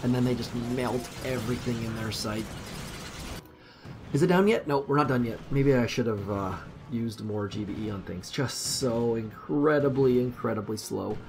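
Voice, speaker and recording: Speaking at a moderate pace with vocal fry, a man of roughly thirty-something gives casual commentary on his mobile gameplay from a room at home. The voice sits in the mid range, and there's noise in the background. As a gaming channel host, he's talkative, thinks aloud, and pokes fun at himself.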